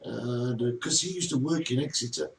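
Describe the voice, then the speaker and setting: With vocal fry in a mid-range voice at a moderate pace, this middle-aged co-host of a live social media chat keeps things jokey and chatty, reading viewer comments aloud. A distant mic captures him along with faint background noise.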